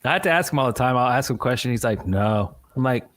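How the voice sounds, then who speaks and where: Man, casual live-show co-host, mid-pitch, chatty list reader. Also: very fast, a bit bright, no room sound. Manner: chatty, reads out a list with asides. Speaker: podcast co-host.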